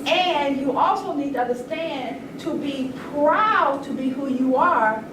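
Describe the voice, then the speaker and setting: Speaking slightly slowly in a high, animated voice, an older woman delivers an earnest, emphatic talk with a conversational, storytelling flow. It takes place indoors at a public event. The sound is echoey and noisy, picked up from afar.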